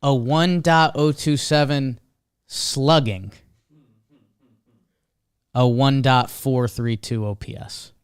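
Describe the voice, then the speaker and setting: A man's voice: mid-range voice, fairly even intonation, slow pace, long pauses, clean tone, dry recording. A man co-hosting a podcast in casual, conversational talk. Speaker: podcast co-host. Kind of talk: casual chat.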